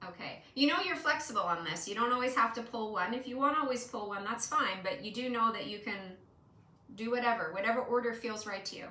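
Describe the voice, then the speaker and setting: A woman's voice: fairly high pitch, quick pace, pushed and bright. A woman hosting a card reading in casual conversation, instructive and often checking that the listener agrees. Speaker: host giving a card reading. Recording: echoey room, distant mic.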